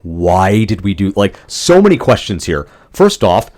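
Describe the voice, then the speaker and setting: Exasperated low-voiced man ranting. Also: sing-song, unhurried, music in the background. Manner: ranting, exasperated, swears freely. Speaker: podcast co-host. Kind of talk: casual movie review chat.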